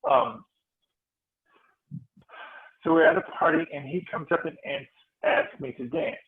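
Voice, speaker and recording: A man, a spiritual healer, telling a heartfelt story to a meditation group, animated and restarting his phrases. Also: on the high side, unhurried, creaky. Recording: tinny phone-like audio.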